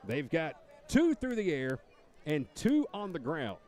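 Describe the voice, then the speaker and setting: A man's voice: a little high, huge pitch swings, measured pace, a faint crowd. Man calling football play-by-play. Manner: builds to shouts on big plays. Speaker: play-by-play announcer.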